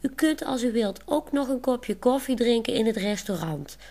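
A woman's voice: on the high side, animated, moderate pace, darkish tone, pitched above the performer's own voice. Woman reading as a polite friendly museum attendant, helpful, storybook.

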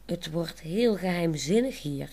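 A woman's voice: lowish voice, animated, unhurried, dark tone. A woman voicing a proud, cheeky man in a wheelchair who talks boastfully. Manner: boastful, playful.

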